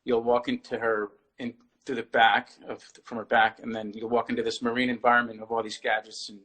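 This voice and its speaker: A man's voice: medium pitch, little pitch movement, fairly quick, a bit bright, husky, low-quality recording. A man, an artist, talking casually as a guest on a video-call interview, rambling and often restarting his phrases.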